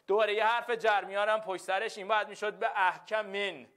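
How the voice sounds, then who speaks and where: A man's voice: high-pitched, steady tone, a bit bright. A male teacher giving a classroom lesson, repeating phrases and often checking that the students follow.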